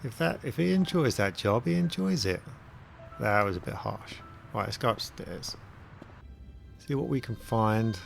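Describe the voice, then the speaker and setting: A man's voice: fairly low pitch, lively intonation, measured pace, vocal fry, soft background music. A man giving offhand, joking commentary while playing through a video game. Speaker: let's play gamer. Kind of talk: casual gameplay commentary.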